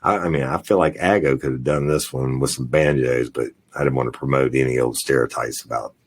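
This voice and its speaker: With an extremely low voice, this man co-hosts a laid-back crime news podcast, reading out headlines and stories while tossing in foul-mouthed, jokey remarks. He speaks a little fast with fairly even intonation.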